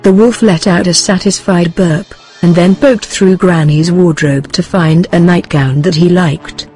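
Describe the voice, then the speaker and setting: Woman reading a fairy tale, soft and even, music in the back. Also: fairly low pitch, unhurried. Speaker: narrator. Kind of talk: storybook narration.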